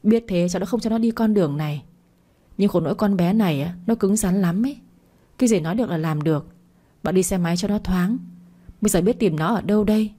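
A woman's voice: medium pitch, fast talker, warm tone, natural voice. A woman voicing a young woman fighting tears while she worries over a missing girl. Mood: distraught. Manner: anxious, pleading. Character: tearful worried young woman searching for a child.

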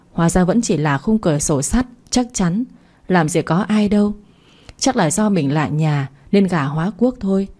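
A woman narrating a story in a steady, suspenseful reading voice. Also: lowish voice.

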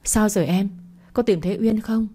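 A woman doing a calm, reassuring older colleague. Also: medium pitch, moderate pace, slightly rough, close to an everyday voice. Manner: reassuring, practical.

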